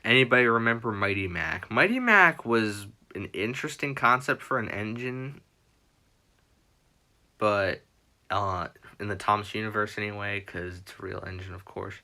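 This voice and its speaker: A man's voice: fairly low pitch, lively intonation, moderate pace, bright, forceful tone. A young man hosting a livestream in a casual, rambling way, correcting himself often as he chats. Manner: rambling, self-correcting, chatty fan talk. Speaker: livestream host.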